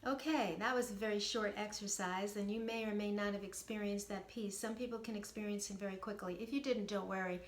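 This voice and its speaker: Gentle, earnest woman in a roomy space. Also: mid-range voice, fairly even intonation, brisk, hardly any pauses. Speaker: self-help teacher. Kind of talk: motivational talk with guided meditation. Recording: roomy echo, faint background ambience.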